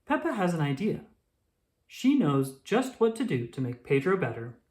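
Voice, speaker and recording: A narrator reading a children's storybook aloud in a deliberate way for young listeners. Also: mid-range voice, sing-song, a little mellow. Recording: roomy echo.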